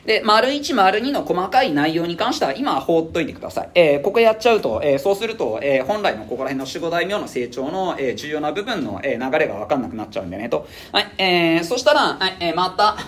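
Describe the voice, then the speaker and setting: A man teaching a high school history class in a casual, joking lecture style. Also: fast, hardly any pauses, a little hiss or hum. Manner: casual, joking, lively delivery.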